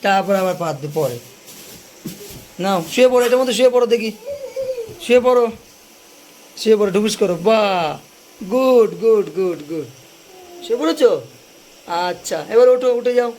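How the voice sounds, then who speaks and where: A woman's voice: mid-range voice, animated, moderate pace, long pauses, mellow, a little hiss or hum. A woman chatting playfully with her baby, cheerful and coaxing, repeating simple words. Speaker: mother showing her baby a bedsheet.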